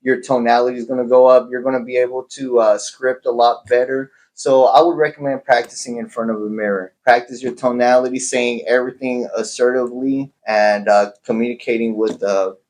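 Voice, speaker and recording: Guy in sales, mid-pitch voice, giving tips on tone with some uhs. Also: steady tone, a little fast, few pauses, a little mellow, low-quality recording. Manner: plain advice with fillers. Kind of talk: sales training talk.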